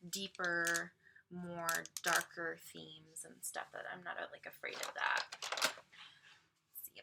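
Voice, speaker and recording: A young woman vlogging casually as she does her makeup, rambling and full of fillers, with a noticeable vocal fry. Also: lowish voice, background noise. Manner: rambling, filler-heavy, musing. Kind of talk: casual get-ready-with-me vlog.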